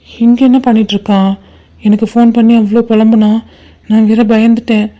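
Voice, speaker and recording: A woman's voice: on the high side, flat delivery, fairly quick, mellow, soft background music, natural voice. A woman voicing a loyal young man in a cartoon, consoling his best friend and scolding him with affection. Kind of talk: cartoon voice acting.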